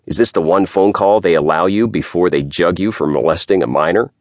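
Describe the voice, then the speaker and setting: A man's voice: low voice, a little fast, no echo, studio quality, close to an everyday voice. A man voicing a needling, wisecracking middle-aged male lawyer with a nasal voice.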